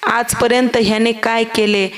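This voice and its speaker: A woman's voice: a little high, level tone, a little slow, close to an everyday voice. A woman voicing a stern, angry elder brother in a told story, with a threatening manner. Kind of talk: storytelling narration.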